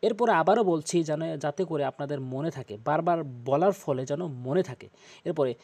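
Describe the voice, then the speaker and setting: A man teaching Quran recitation, repeating each Arabic letter slowly to show how it is said. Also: on the high side, a little mellow, slightly rough. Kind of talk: tutorial on pronouncing Arabic letters.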